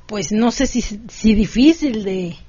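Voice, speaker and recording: A woman's voice: medium pitch, expressive, slow, dark tone, breathy edge, no room sound, highs cut off. A woman co-hosting a late-night radio show, giggling and reading listener messages aloud.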